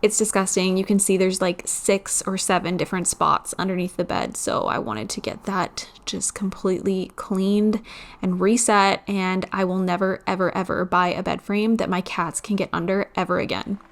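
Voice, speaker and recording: A woman's voice: mid-range voice, fairly even intonation, moderate pace. A woman in her thirties talking candidly about home cleaning in a casual vlog voice-over, a little weary.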